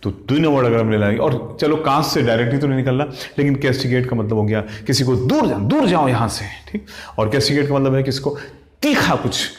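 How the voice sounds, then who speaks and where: A man's voice: mid-range voice, expressive, brisk. A man teaching exam vocabulary, explaining each word step by step and checking in with "okay?" after nearly every phrase. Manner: mimics shrieks and howls to act out sound words. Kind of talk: Hindi-English exam vocab lesson. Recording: echoey room.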